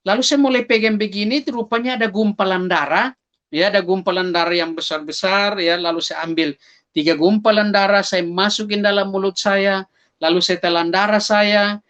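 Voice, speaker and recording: A man's voice: high-pitched, fairly even intonation, normal speed, a bit bright, muffled recording. A man sharing a personal testimony in a vivid storytelling manner. He speaks straight to his listeners as brothers and sisters and acts out his own cries for help.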